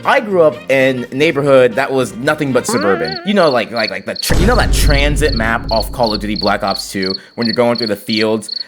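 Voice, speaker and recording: A man from California, narrating a travel vlog in a rambling, excitable way and laughing often. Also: mid-range voice, a little fast, hardly any pauses, loud music behind the voice. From California, USA. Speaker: travel vlogger.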